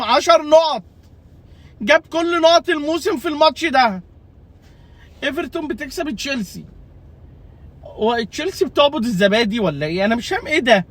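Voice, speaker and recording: Young man, Egyptian Arabic accent, very high voice, casual comedic rant, exasperated, repeats himself. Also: a bit bright. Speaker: fantasy football youtuber.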